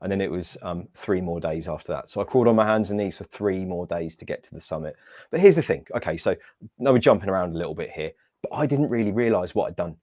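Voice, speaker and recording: A man with a very low voice tells his story as an interview guest. He is lively and self-mocking, acting out the people he quotes. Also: fast, no room sound, highs cut off. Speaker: guest, Paralympic athlete.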